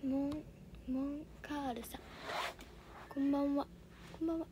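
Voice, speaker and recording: A teenage girl with a Kansai accent, livestreaming for an audition and politely answering viewer comments in a soft, often half-whispered voice. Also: sits high, fairly even intonation, normal speed, noisy background. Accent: Kansai Japanese. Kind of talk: casual livestream chat reading viewer comments. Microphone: phone camera.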